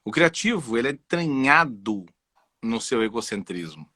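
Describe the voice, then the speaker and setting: A man with a Brazilian Portuguese accent, a guest and voice specialist, talking in a casual, animated way and telling personal stories. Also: mid-range voice, normal speed, no room sound, clean studio sound. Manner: animated, personal storytelling with frequent "entendeu?". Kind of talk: casual conversational interview.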